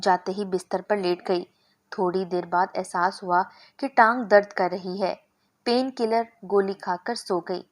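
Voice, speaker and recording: A woman narrating a scripted first-person story in a measured, steady way. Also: medium pitch.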